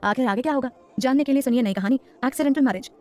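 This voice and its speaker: A woman narrating a scripted audio drama in a brisk, dramatic way. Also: high-pitched, darkish tone. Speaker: storyteller.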